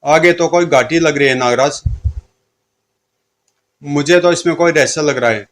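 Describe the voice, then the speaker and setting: A man's voice: on the high side, normal speed, fairly bright tone, natural voice. A man voicing an uneasy young male companion who suspects a mystery. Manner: uneasy, suspicious.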